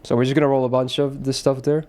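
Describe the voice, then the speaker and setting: A man's voice: mid-range voice, flat delivery, fast, dark tone. A male streamer chatting casually with his viewers, loose and rambling, often laughing and swearing.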